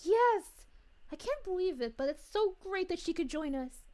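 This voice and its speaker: A woman's voice: extremely high pitch, expressive, moderate pace, dark tone. A woman voicing a sweet, bubbly young princess, reading chat live in character and giggling often. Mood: chatty. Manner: giggly, gushing, chatty.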